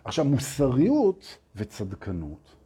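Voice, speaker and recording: A man with a very husky, breathy voice delivers a spiritual talk to his audience. His pitch swings up and down as he presses his points. He repeats phrases for emphasis and keeps challenging listeners with questions. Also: wildly swooping pitch, dark tone. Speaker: spiritual teacher addressing an audience.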